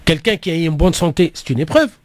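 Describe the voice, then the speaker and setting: Higher-pitched man hosting a religious phone-in. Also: very animated, fast talker, darkish tone, dry recording. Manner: explanatory, repeats words, mixes in Arabic phrases. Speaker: radio host and Islamic teacher.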